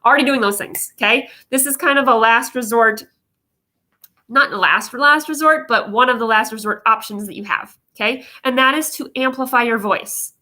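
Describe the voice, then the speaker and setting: Female vocal coach, higher-pitched and very bright, explanatory and emphatic, talking informally to online viewers. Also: moderate pace. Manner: explanatory, emphatic, with frequent check-in questions. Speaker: vocal coach presenting advice videos. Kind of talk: informal instructional talk to viewers.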